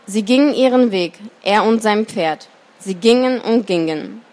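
A woman's voice: mid-range voice, animated, measured pace, a little mellow. A woman reading a children's story aloud as storyteller, then commenting with some hesitation. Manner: hesitant with fillers when commenting.

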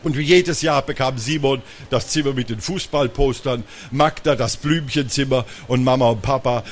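A man reading a children's story aloud in a lively, animated way. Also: medium pitch, moderate pace.

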